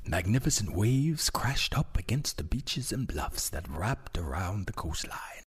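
Hushed, husky man telling a sleep story. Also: on the low side. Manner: slow, hushed, calming. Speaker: narrator. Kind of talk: soothing sleep-story narration.

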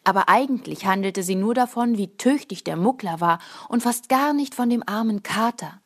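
Female storybook narrator, calm even delivery, medium pitch. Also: normal speed. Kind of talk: storybook reading.

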